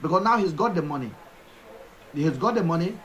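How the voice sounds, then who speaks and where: A man's voice: a little high, expressive, a little fast, a little hiss or hum, poor audio. A man hosting a call-in talk show, talking emphatically and firing off rhetorical questions. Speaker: show host.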